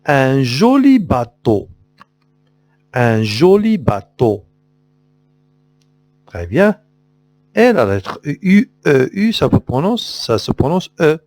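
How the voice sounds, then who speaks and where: A man with a Moroccan accent leads a phonics lesson for young pupils, drilling sounds one by one. He speaks slowly, with a lively, swooping pitch that rises and falls on each word. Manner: slow, deliberate drilling with repetitions. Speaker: teacher.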